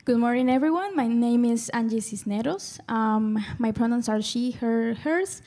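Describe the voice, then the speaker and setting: A woman's voice: a little high, normal speed, mellow. A woman from Ecuador who works as a school secretary, introducing herself briefly and in a friendly way.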